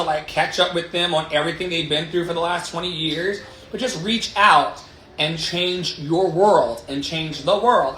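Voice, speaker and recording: With a fairly high, bright, forceful voice, a man in his late thirties hosts a motivational livestream from his living room as a life coach. Swearing and repeating affirming phrases, he speaks candidly and emphatically, with roomy echo and music in the background.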